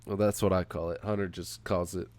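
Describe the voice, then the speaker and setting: A man's voice: low-pitched, level tone, a little fast, a little mellow. A man hosting a casual podcast, sounding sick, nasal and stuffed up, speaking into a headset. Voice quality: nasal, congested. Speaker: podcast host.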